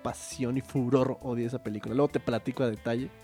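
A Mexican man with a medium-pitched voice talks casually as a podcast co-host. He is opinionated and loose with slang and profanity, with faint music behind him. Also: fairly even intonation, fast talker, warm tone. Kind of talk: casual chat about films.

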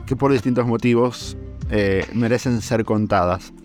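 Argentine man telling a lively story. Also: mid-range voice, soft background music. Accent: Argentine Spanish. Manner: animated, drawn-out fillers, laughs while telling. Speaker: podcast host. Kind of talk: casual storytelling chat.

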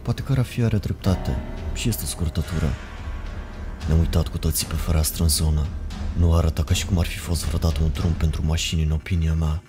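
A man narrating a horror story in a measured, ominous way. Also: extremely low pitch, fairly even intonation. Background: music.

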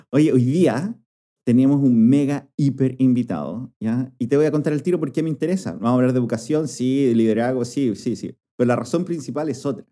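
A man's voice: mid-range voice, brisk. A man co-hosting a casual chat, telling stories playfully with many fillers. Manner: playful, animated storytelling with fillers. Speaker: podcast co-host.

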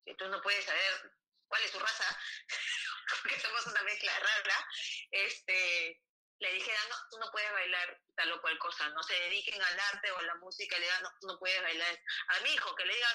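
Bright-voiced Peruvian woman on a call. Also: medium pitch, fairly even intonation, normal speed, rough recording. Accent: Peruvian Spanish. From Peru. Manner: joking, teasing, laughs easily. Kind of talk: casual chat.

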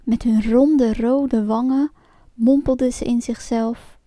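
Woman storyteller with a fairly high voice, reading a fairy tale aloud, lively and expressive. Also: takes it slowly, dry recording. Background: faint music.

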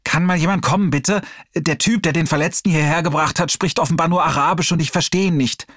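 A man's voice: fairly even intonation, brisk, fairly bright tone, no room sound, clean studio sound. A man doing a whiny flustered young nurse. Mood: pleading. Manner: whiny, exasperated, higher-pitched.

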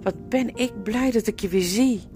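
A woman's voice: on the high side, a little slow, over music. A woman voicing an anxious young boy in a storybook reading. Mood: tender.

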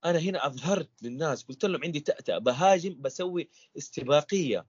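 Fast-talking husky man. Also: on the high side, animated, no echo, muffled recording. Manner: teacherly, keeps asking rhetorical questions. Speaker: podcast guest, stuttering coach. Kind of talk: explanatory podcast interview.

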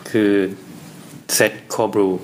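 A man co-hosting a casual food podcast, telling stories in a quick, chatty way. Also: slight background noise. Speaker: podcast co-host.

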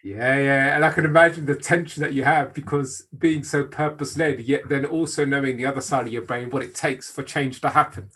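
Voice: medium pitch, steady tone, a little fast, few pauses, fairly bright tone, husky. An interviewer speaking conversationally, reflecting on answers and probing with follow-up questions.

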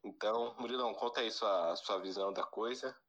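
A man's voice: fairly low pitch, a little fast, low-quality recording. A teenage Brazilian man with a Brazilian Portuguese accent, telling a prank story in casual slangy chat and acting out the people he quotes. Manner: slangy, animated when quoting.

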